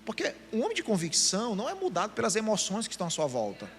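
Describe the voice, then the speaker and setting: A man's voice: high voice, wildly swooping pitch, racing, soft background music. A middle-aged man with a Brazilian Portuguese accent preaching a sermon to a meeting of pastors, acting out the voices he quotes. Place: church meeting.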